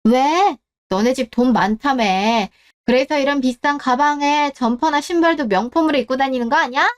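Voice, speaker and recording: A woman's voice: high voice, moderate pace, close to an everyday voice. Woman doing a sneering teenage girl bully. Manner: sneering, taunting.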